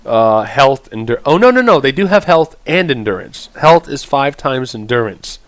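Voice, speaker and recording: A man reading fantasy game lore aloud as he plays, his pitch swinging widely as he goes. He breaks off into animated, self-deprecating asides about his own reading. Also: normal speed, dry recording. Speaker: let's play host.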